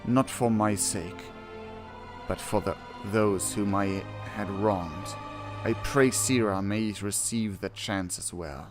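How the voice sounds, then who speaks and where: A game streamer takes his time, reading quest text aloud slowly in a fairly low voice against game music. His casual reactions swing from excited exclamations to tentative comments he keeps correcting.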